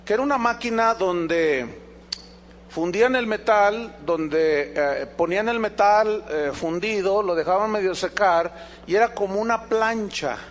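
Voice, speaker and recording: A man preaching a sermon as pastor, animated, asking the congregation rhetorical questions and acting out dialogues. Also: sits high, unhurried, a little hiss or hum.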